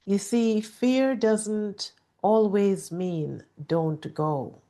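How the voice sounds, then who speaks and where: A middle-aged woman, speaking softly and gently with deliberate pauses, like a host guiding a calm reflection or telling a personal story. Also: mid-range voice. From Jamaica. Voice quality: soft. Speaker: podcast host. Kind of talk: reflective personal storytelling with calming guided-meditation delivery.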